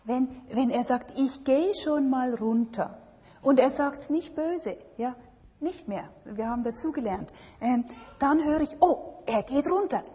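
A woman's voice: high-pitched, measured pace, warm tone, breathy edge. A woman giving a talk on partnership and relationships, reflective and full of questions to her listeners. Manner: reflective, asks many questions. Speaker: speaker on marriage and relationships. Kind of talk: talk to an audience. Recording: long hall reverb.

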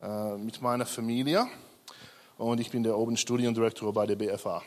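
A man's voice: lowish voice, steady tone, brisk, long reverb tail. A middle-aged Australian man, a native English speaker, gives a hesitant personal testimony in a church service, full of fillers and self-corrections. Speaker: church member giving a testimony.

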